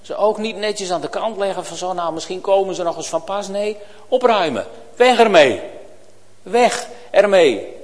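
Male pastor, fairly high voice, earnest and pleading sermon delivery, long church reverb. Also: fairly quick. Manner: earnest, pleading, swings from loud to hushed.

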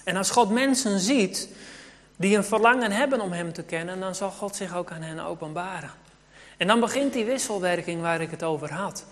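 A preacher delivering a sermon in a storytelling way, speaking to the children as well as the grown-ups. The voice is mid-pitched. It rings with the long reverb of a church hall. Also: moderate pace, fairly bright tone. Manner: storytelling, addresses children in the congregation.

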